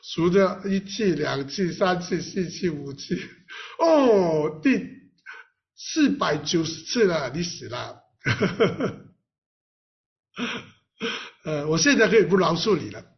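A gravelly, slightly high male voice, animated yet slow, delivers a playful sermon full of rhetorical questions. The pastor reads scripture aloud with his congregation, and the lo-fi recording sounds dull.

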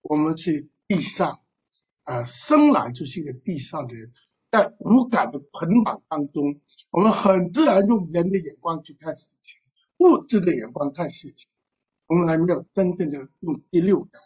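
A husky preacher delivers a sermon in a lively voice that rises and falls widely. The delivery is fervent and is broken up by frequent throat-clearing and drawn-out "ah" fillers. The sound comes through a dull, lo-fi recording. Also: medium pitch. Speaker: pastor.

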